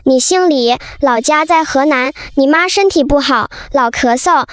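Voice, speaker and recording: A woman voicing a bold, serious five-year-old girl in a calm, matter-of-fact, childlike voice. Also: measured pace. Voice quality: high childlike voice. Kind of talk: audio drama acting.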